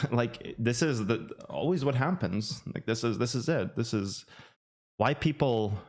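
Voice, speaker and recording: A man's voice: mid-range voice, expressive, takes it slowly, long pauses. A man who hosts a finance channel, talking in a loose, rambling way with many restarts and fillers. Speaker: finance YouTuber. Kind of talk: casual livestream chat.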